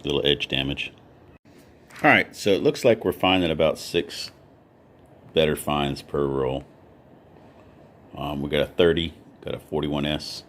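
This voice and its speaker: An easygoing man with an extremely low, deep voice talks his way through a hobby vlog. He reads off dates in an unhurried, offhand way, as if talking to viewers at his table. Faint ambient noise sits behind him. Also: a bit bright. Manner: easygoing, talks while sorting, lists coin dates. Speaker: coin collector vlogger. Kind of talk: casual hobby vlog commentary.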